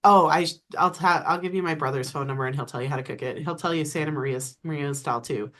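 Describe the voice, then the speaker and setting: A woman's voice: low-pitched, quick pace, fairly bright tone. A woman podcast guest chatting casually about a family tradition. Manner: chatty with restarts. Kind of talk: casual panel chat.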